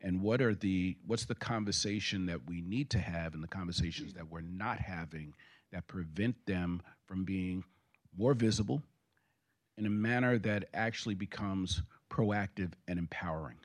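Audience member, man, very low voice, deliberate and measured. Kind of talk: question from the audience.

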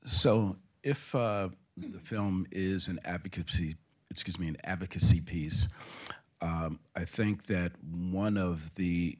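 A man in the audience asking a long, deliberate question at a panel discussion. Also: low-pitched. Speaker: audience member.

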